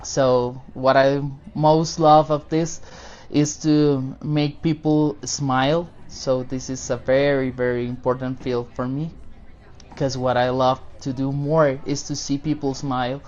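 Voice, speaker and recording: A man's voice: mid-range voice, level tone, measured pace, a little mellow, dull audio. A man, a guest chatting casually and informally about his work. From Costa Rica. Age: 20s. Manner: friendly, informal, loose non-native phrasing. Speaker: podcast guest, dentist. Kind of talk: casual interview answers.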